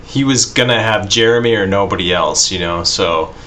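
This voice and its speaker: A man co-hosts a casual podcast, talking in a relaxed way and laughing often. His voice sits a little low but has a bright, forward edge. A faint hiss of background noise sits under the recording. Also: moderate pace. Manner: laid-back, laughs often, says "like" and "you know". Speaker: podcast co-host. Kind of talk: casual chat.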